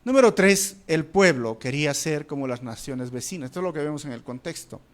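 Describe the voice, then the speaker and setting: A man's voice: a little high, animated, a little fast. A man preaching an expository Bible study as pastor, calling the listeners brothers, asking rhetorical questions and dropping his voice on key words.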